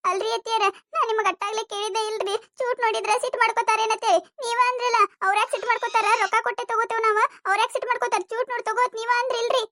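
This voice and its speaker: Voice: very high voice, steady tone, racing, hardly any pauses, sharp tone, no echo, clean studio sound. A voice actor playing a naive, defensive young village daughter-in-law with a North Karnataka accent in a cartoon comedy. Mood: plaintive.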